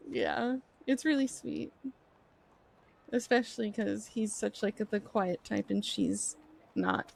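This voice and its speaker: A woman's voice: medium pitch, slow, gravelly, a little mellow. A woman chatting in character during an online role-play game, friendly and talkative.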